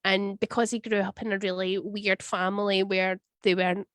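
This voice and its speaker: This Scottish guest has a husky voice from a cold, sniffling and coughing as she gives casual interview answers over a video call. She is wry and chatty, telling stories with quoted voices in a mid-range, flat delivery at a moderate pace. The sound is dry, close, slightly bright and free of echo.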